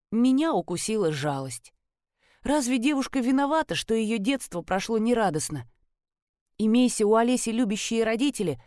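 A woman reads a first-person detective story aloud in a lively way, with wry asides. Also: fairly high pitch, no room sound, clean studio sound. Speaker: audiobook narrator. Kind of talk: scripted first-person narration.

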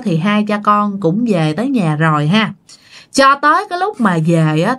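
This woman has a mid-range, fairly bright voice and a Southern Vietnamese accent. She addresses her listeners directly, narrating a ghost story in a chatty manner.

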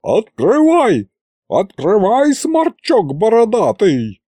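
A man voicing a brash, indignant older woman who shouts in folksy dialect speech. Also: high voice, wildly swooping pitch, slow pace, no room sound, clean studio sound, pitched above the performer's own voice, full character voice.

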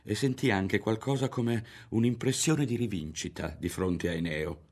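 A man narrating a literary audiobook in a measured, expressive way. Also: fairly low pitch. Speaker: audiobook reader.

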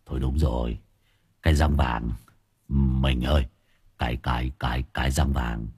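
A man's voice: rumbling low, steady tone, normal speed, darkish tone, slightly rough, no echo, studio quality, voice pushed down, full character voice. A man voicing a timid, stammering middle-aged village husband. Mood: panicked. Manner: stammering, fearful.

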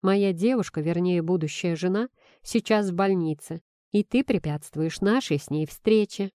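Audiobook: woman reading a stubborn, hot-tempered young man, emphatic, mellow tone, dry close sound. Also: fairly low pitch, normal speed, dry recording, lightly acted. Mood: indignant.

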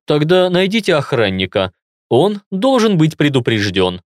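A man's voice: a little high, very animated, moderate pace, no echo, pitched above the performer's own voice. Businessman, middle-aged, matter-of-fact; read by a male narrator, dry close mic. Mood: businesslike. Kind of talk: audiobook dialogue.

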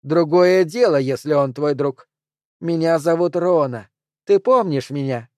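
A man reading an audiobook, voicing an agitated, unstable woman holding a gun, in shrill emotional outbursts. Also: measured pace, a little mellow, no echo, studio quality, close to an everyday voice. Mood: excited.

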